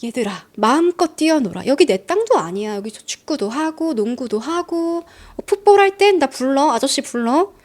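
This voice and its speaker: A woman's voice: high-pitched, animated, normal speed, hardly any pauses, darkish tone. Woman doing a cheerful friendly neighbor man. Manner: cheerful, inviting. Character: friendly easygoing middle-aged man neighbor.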